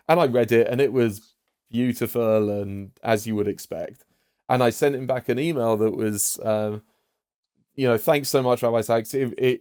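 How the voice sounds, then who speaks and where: Man telling lively anecdotes, dry sound. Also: medium pitch, no room sound. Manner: animated anecdotes with many restarts. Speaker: former aide, podcast guest. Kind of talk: storytelling in a podcast conversation.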